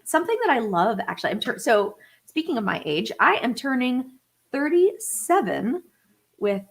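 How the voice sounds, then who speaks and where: A musician in her thirties from the Atlanta area chats with viewers on a live stream, rambling with lots of fillers and laughing often. Her voice is a little high and sing-song, gravelly and husky, at a normal speed.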